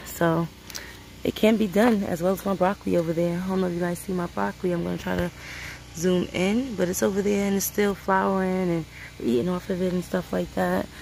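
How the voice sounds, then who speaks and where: Filmed on a phone in a sunny garden, this woman from Brooklyn, New York City, is a homestead vlogger who chats to viewers, addressing them as "guys," while she picks peppers. She speaks in a somewhat low, creaky, darkish voice over slight background noise, and the recording is rough.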